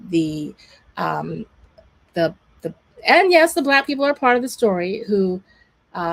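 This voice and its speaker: A woman's voice: lowish voice, no room sound. A woman hosting a casual livestream from her home, talking in a chatty, digressive way with emphatic asides. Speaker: food historian hosting a livestream. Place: indoors at home by a window. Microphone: webcam or laptop mic on a livestream.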